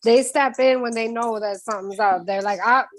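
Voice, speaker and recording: A woman co-hosting a casual spiritual talk show, chatty and quick with interjections. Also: a little high. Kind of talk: casual chat.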